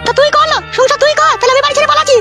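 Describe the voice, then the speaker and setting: Shrill, rapid-fire scolding mother, foul-mouthed and bossy, music underneath. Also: fairly even intonation. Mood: mocking. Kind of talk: comic sketch dialogue.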